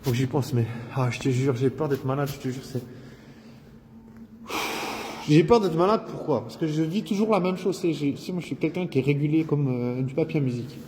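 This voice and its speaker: With background noise behind him, a young man with a slightly high voice talks fairly quickly. It's a rambling vlog shot outside, full of casual slang and self-mockery, about his day and the cold bug he feels coming on.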